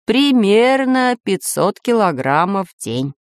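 A woman's voice: medium pitch, sing-song, slow, dry recording, clean studio sound, voice pushed up. A woman doing a fussy professor. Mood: lecturing. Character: learned male geographer professor, fussy and alarmed.

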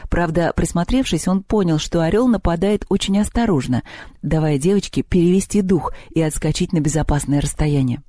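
A man narrating a children's story as an audiobook with lively, expressive storytelling. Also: a little high, fairly quick, no echo, studio quality.

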